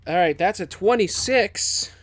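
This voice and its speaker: A man's voice: sits high, lively intonation, measured pace, a little hiss or hum. A man playing a tabletop role-playing game, joking around and putting on voices for his character. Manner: joking, playful, puts on voices. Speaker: player.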